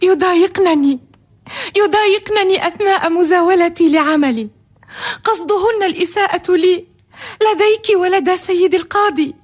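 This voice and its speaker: A woman's voice: extremely high pitch, normal speed. An actress playing a deferential servant woman in a noble household in a historical radio drama, speaking formally. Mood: plaintive.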